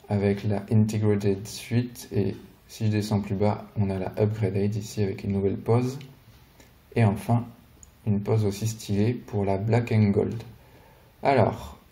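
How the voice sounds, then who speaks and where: A man casually walking through toy figure photos, chatty and relaxed, with frequent hesitations. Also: fairly low pitch. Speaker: toy reviewer. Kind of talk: casual product walkthrough.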